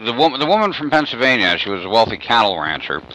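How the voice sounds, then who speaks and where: A man's voice: mid-range voice, very animated, fast, pushed and bright, low-quality recording. A man being interviewed as a guest on a radio talk show, rambling and storytelling with many "you know" fillers.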